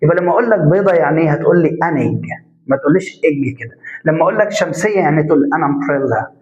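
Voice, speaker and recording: Egyptian teacher, echoey lo-fi classroom sound. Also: male voice, on the high side, expressive, darkish tone. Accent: Egyptian Arabic. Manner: explains step by step, asks students questions and answers them himself; drawn-out spoken examples. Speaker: English grammar teacher. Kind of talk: classroom-style grammar lesson. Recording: echoey room, dull lo-fi sound.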